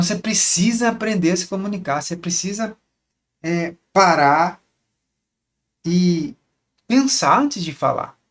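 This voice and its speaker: A man, coaching couples on communication in a casual, conversational teaching monologue full of rhetorical questions. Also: sits high. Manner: conversational, repeats words, asks rhetorical questions. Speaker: relationship coach.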